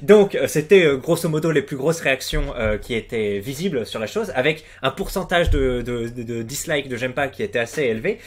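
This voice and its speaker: A young man with a medium-pitched voice comments casually on a music video from his room at home with the door closed. He talks briskly with few pauses, yet sounds hesitant, full of fillers and restarts.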